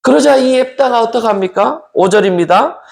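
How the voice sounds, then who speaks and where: A male pastor from South Korea giving a Bible study sermon and speaking directly to his congregation in a lively preaching manner. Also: very high-pitched, moderate pace, creaky.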